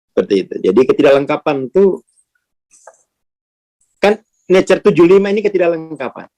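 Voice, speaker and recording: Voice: mid-range voice, animated, moderate pace, long pauses, darkish tone. A teacher leads an informal spiritual class. The delivery is loose and conversational, full of rhetorical questions and acted-out quoted speech.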